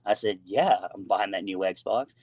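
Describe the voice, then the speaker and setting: A man's voice: lowish voice, measured pace, darkish tone, husky, dry recording. A man with a son, hosting a casual gaming talk show, talking in long, rambling, emphatic runs full of fillers and restarts. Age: adult with a son.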